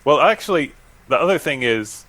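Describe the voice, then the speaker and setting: A man's voice: fairly high pitch, expressive, moderate pace, bright, forceful tone, low-quality recording. A man playing a tabletop game over a call, asking tentative questions with many fillers. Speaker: player.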